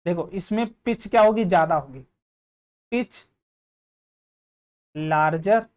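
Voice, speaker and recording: A man's voice: high-pitched, slow, darkish tone. A man teaching physics in an online exam-prep lesson, explaining step by step, often checking whether students follow and mixing in English terms. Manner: mixes in English terms and phrases.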